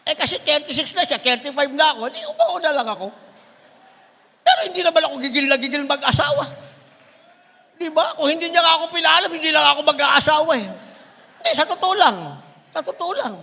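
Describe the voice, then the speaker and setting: A middle-aged man preaching an impassioned sermon, swinging between shouts and low asides. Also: expressive, brisk, vocal fry. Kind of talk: Tagalog sermon. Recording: long hall reverb.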